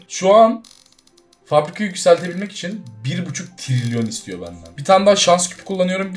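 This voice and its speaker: A man giving casual, excitable commentary while playing a game, talking straight to his viewers and swinging between loud surprise and low muttering. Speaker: gaming YouTuber.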